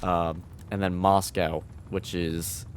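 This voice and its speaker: Man, fairly low voice, gameplay commentary, morning-groggy, easygoing and chatty, faint background hiss. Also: little pitch movement, slow. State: early-morning voice. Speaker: gaming video creator.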